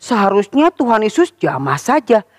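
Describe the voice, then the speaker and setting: A woman teaching Sunday school, telling a Bible story to children in a lively, expressive way and speaking straight to the kids. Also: mid-range voice, moderate pace, dry recording, studio quality. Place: church.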